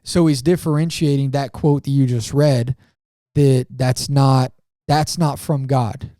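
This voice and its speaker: A man's voice: mid-range voice, fairly even intonation, mellow, no room sound, clean studio sound. A man co-hosting a podcast, talking through a book in casual discussion, full of fillers and restarts. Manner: halting, many fillers and restarts. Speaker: podcast co-host.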